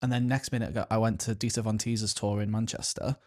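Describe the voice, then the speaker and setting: A man's voice: lowish voice, level tone, quick pace, darkish tone. A man hosting a podcast, chatting casually in a rambling, jokey way. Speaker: podcast host. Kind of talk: casual chat.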